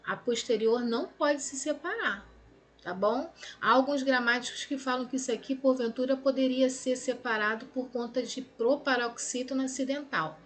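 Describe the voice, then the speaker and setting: On the high side, a woman's voice carries a Brazilian Portuguese accent as she corrects exercises in a recorded grammar lesson. She breaks things down step by step, lengthens words syllable by syllable, and checks in with her students often.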